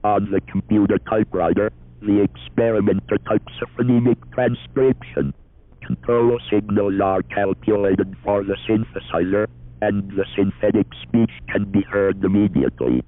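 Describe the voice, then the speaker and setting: A computer-synthesized male robot voice, made by rule, reading demonstration sentences and a recorded phone message with a flat, mechanical delivery. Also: lowish voice, normal speed, dry recording. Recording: dry, tinny lo-fi archival audio.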